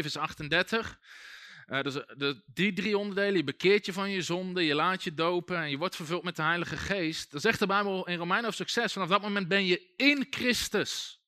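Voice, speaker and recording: Male preacher, high voice, bright tone, dry close sound, chatty sermon with restarts. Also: no echo. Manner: conversational, many asides and restarts.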